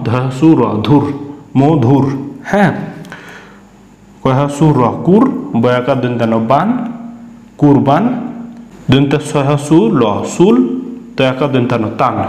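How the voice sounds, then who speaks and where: A man's voice: medium pitch, darkish tone. A man teaching a beginners' reading class, patiently spelling out sounds letter by letter and repeating them. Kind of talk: spelling out syllables in a reading lesson. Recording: echoey room.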